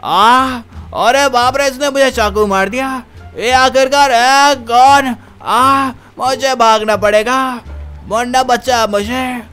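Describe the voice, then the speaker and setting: A man voicing a frightened male cartoon cat in a game role-play, shrill and panicky. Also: fairly even intonation, moderate pace, few pauses, fairly bright tone, clear, resonant tone, faint music behind. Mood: panicked. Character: panicked male cat Jack, woken and stabbed.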